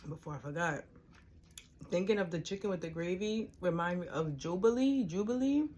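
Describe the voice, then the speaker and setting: A woman's voice: on the low side, brisk. An American woman chatting casually and colloquially to viewers between bites as she eats for a mukbang. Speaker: mukbang host. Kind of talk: casual mukbang chitchat while eating.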